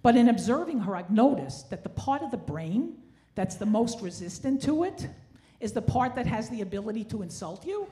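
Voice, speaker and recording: Into a handheld stage mic on an indoor theatre stage, a woman in her sixties delivers stand-up full of wry, self-deprecating, Yiddish-flavored kvetching. Her dark, slightly high voice swings widely in pitch at a normal speed, and live stage ambience with clear noise comes through.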